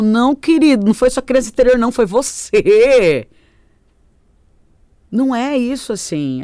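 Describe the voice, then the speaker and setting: A young Brazilian woman, a guest on a talk show, chatting playfully and animatedly and slipping into quick impressions. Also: medium pitch, a little mellow, no echo. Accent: Brazilian Portuguese. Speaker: guest, good-humor specialist. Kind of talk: casual chat.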